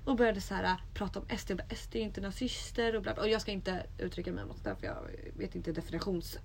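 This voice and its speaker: A young woman co-hosting a podcast in casual chat, telling a story with lively acted-out quotes. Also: medium pitch, vocal fry, a little hiss or hum. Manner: animated storytelling, acts out quotes. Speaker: podcast co-host.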